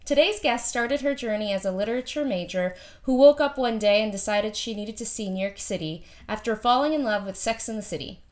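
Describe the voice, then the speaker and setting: A woman's voice: mid-range voice, fairly quick, hardly any pauses, darkish tone. A woman from New York co-hosting a podcast, introducing the show and asking the guest questions in a friendly, upbeat way. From United States. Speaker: podcast co-host. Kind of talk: podcast host intro and interview.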